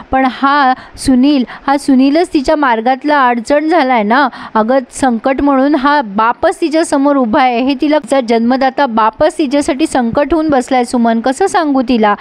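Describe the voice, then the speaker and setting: A young woman recaps a TV serial episode as a chatty storyteller. She acts out the lines and talks straight to her viewers. Her voice sits high and sounds smooth and clear. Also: darkish tone. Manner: chatty, retells dialogue and comments to viewers.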